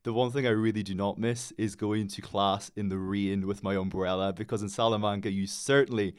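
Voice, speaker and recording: Speaking in a lowish, clear and resonant voice, a young Northern Irish student teacher talks briskly as a radio interview guest. His intonation stays fairly even, English is his first language, and his manner is cheerful, chatty and courteous.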